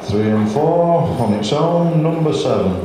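A bingo caller who draws out each number slowly in a sing-song rhythm. His voice booms around a very echoey hall, over clear background noise. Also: animated. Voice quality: measured, sing-song calling. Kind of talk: bingo calling.

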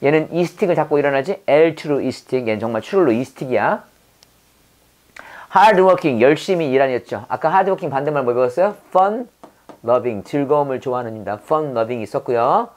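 A woman with a notably low voice leads a vocabulary lesson. She stretches English words out syllable by syllable and repeats them several times. Between the words she keeps asking her viewers quick quiz questions. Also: lively intonation, a little mellow. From South Korea. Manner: repeats words and quizzes the viewer, drawn-out pronunciation drills. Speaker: English teacher. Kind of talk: vocabulary lesson with mnemonic wordplay.

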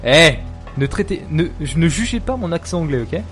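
A man streaming a horror game live, talking casually, excitable and jumpy, swearing and laughing often. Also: fairly high pitch, moderate pace, soft background music. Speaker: streamer playing horror games.

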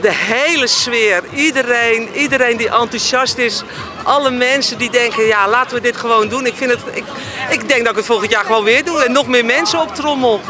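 A woman's voice: fairly high pitch, a little fast. A middle-aged woman just out of ice cold water, interviewed on a beach into a handheld microphone. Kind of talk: on-the-spot interview. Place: beach by the sea, outdoors. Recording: crowd and outdoor noise.

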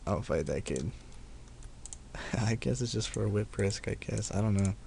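Gravelly young man narrating his gameplay. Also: lowish voice, animated, normal speed, mellow, slight background noise. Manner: profane, laid-back, laughing often. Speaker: gaming video host. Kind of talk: casual gameplay commentary.

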